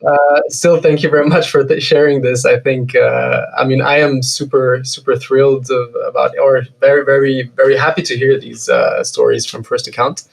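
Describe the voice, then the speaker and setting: A man from Syria hosting a casual interview podcast, speaking haltingly and repeating words as he searches for phrasing. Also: mid-range voice, flat delivery, creaky, rough recording. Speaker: podcast host. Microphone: remote call.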